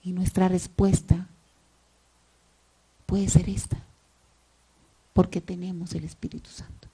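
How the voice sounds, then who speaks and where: A woman's voice: fairly low pitch, flat delivery, takes it slowly, warm tone, breathy edge. A woman preaching a Sunday sermon, often dropping to near whispers and rising to fervent cries.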